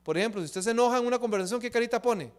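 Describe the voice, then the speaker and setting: A man's voice: very high voice, very fast, clean tone. A man from Latin America giving a church seminar talk, often asking the audience rhetorical questions. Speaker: seminar speaker. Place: church hall.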